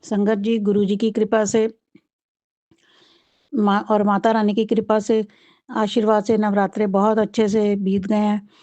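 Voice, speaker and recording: A woman giving a devotional talk and chanting a mantra in a steady, formal way. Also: medium pitch, unhurried, pauses often, dry recording. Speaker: devotee leading a prayer chant. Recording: dry, dull lo-fi recording.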